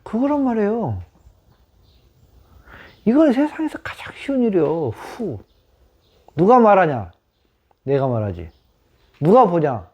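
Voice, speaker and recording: A man's voice: sits high, very animated, unhurried, pauses often, darkish tone, breathy edge. Man questioning listeners in a dharma talk. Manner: questions the audience, repeats key words. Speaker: meditation teacher. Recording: dull lo-fi sound.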